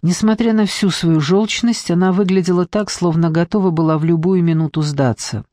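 Male audiobook narrator, measured delivery, fairly high voice, dry close recording. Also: fairly even intonation, mellow, dry recording.

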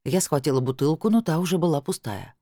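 An expressive audiobook narrator telling a first-person story and acting out the dialogue. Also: mid-range voice, quick pace, no room sound, clean studio sound.

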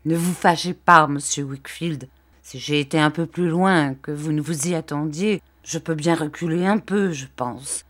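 A woman's voice: deep voice, a little slow, a bit bright. A woman voicing a sly, falsely humble male clerk who fawns and threatens by turns in a storybook reading. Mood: wheedling.

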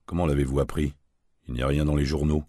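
A man voicing a terse, gruff middle-aged private detective who answers in short, flat replies. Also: rumbling low, quick pace, dry recording, studio quality. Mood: curt. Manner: curt, flat, clipped replies.

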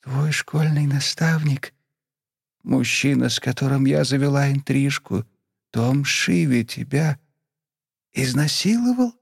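A frightened mother pleads in a halting, raised voice, as a male narrator puts her on. She sounds bewildered and speaks slowly, stumbling over her words. The sound is dry and close. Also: medium pitch, expressive, vocal fry, slightly rough, dry recording, voice pushed up, exaggerated voice.

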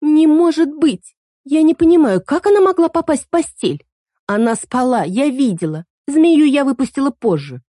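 A woman's voice: fairly high pitch, very animated, normal speed, hardly any pauses, dark tone, no room sound, clean studio sound, voice pushed up. A woman voicing a capricious, scheming young princess with a whiny, petulant manner. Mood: shocked.

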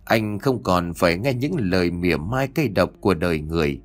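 A man giving a dramatic, expressive reading of a scripted horror story. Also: low voice, moderate pace.

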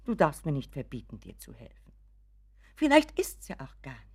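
A woman's voice: very deep voice, wildly swooping pitch, normal speed, husky, heavily acted. A fretful, doting mother. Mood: doting, worried. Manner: pleading and fretful, drops to whispers. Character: anxious, doting mother of a grown son. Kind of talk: radio drama acting.

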